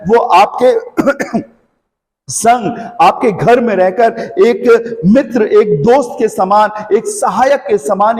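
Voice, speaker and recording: Pastor, man from India, high voice, impassioned sermon and prayer, long hall reverb. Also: a little mellow. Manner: impassioned, rising into fervent prayer. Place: church hall.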